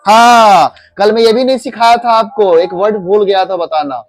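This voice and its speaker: A man's voice: high voice, normal speed, dry recording. Man teaching a class, repeating and quizzing. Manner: repeats key words and quizzes students. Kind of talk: classroom English lesson.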